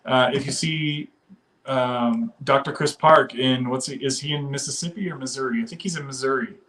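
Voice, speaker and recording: With poor audio, a mid-range, slightly bright male voice comes through at a moderate pace. The speaker is a livestream host from the western United States who chats casually, laughs often and reads viewer comments out loud.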